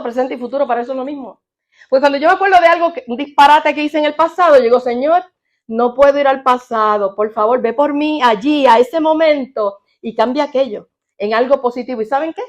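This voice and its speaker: A woman preaching a sermon in an animated way, often asking her congregation questions. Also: sits high, dull audio. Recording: audio of a sermon.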